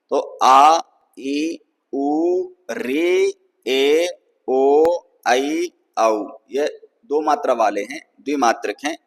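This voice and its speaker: A man lectures on Sanskrit grammar in a slightly raised voice, pausing to ask whether listeners follow. He stretches vowel sounds to demonstrate length, and his voice rings with a long reverberant tail. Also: on the high side. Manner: patient, repeats "ठीक है ना" to check understanding; draws out vowels to show their length. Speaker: Sanskrit teacher. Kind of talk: explanatory lecture.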